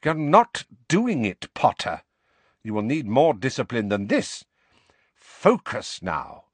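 A man's voice: mid-range voice, wildly swooping pitch, takes it slowly, husky, no echo, exaggerated voice. A man voicing a cold, menacing male teacher who speaks in clipped, cutting phrases. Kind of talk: audiobook character voice.

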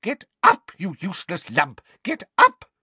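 A frantic old woman shrieks and scolds in a high, shrill voice, as a male storyteller puts her on. She fusses breathlessly, her pitch leaping all over. The sound is close and dry. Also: huge pitch swings, normal speed, fairly bright tone, slightly rough, dry recording, heavily acted. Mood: shrieking.

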